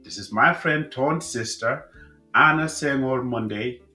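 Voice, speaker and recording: A man hosting a casual interview podcast, friendly and halting, with many restarts and fillers. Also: medium pitch, sharp tone, faint music behind. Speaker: podcast host.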